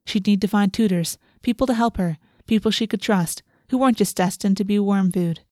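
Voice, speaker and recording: A woman's voice: mid-range voice, fairly quick, a little mellow, no room sound, studio quality. A woman reading scripted fantasy fiction as an audiobook narrator.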